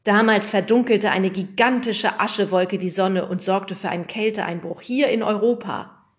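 A woman's voice: medium pitch, normal speed, close to an everyday voice. A woman voicing a zany male TV weatherman who announces everything theatrically. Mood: showy.

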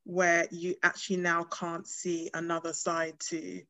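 Speaking in a fairly low monotone at a measured pace, this woman sounds a bit bright, with no room sound around her. A British-raised clinician from a Ghanaian family, she talks thoughtfully in a casual podcast conversation, often restarting and using fillers.

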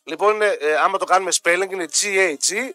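Man with a high, sharp voice in banter, dry close sound. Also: no echo. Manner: lively teller who mimics characters, laughs often. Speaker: radio show co-host. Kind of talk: casual joking banter.

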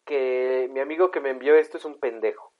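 A man's voice: medium pitch, brisk. A young man with a Mexican accent co-hosting a podcast, joking, laughing and swearing, sometimes reading a story aloud. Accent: Mexican Spanish. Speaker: podcast co-host. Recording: dull lo-fi sound.

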